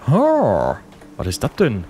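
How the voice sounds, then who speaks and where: A man's voice: on the high side, huge pitch swings, drawn-out words, vocal fry, dark tone, slight background noise. A man giving casual, joking gameplay commentary and reading game text aloud. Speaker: let's play host.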